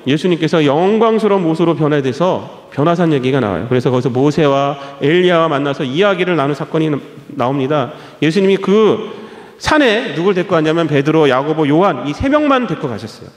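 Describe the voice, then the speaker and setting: Emphatic male pastor in an echoey church. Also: high-pitched. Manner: emphatic preaching with rhetorical questions and repeated phrases. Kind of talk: sermon. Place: church sanctuary.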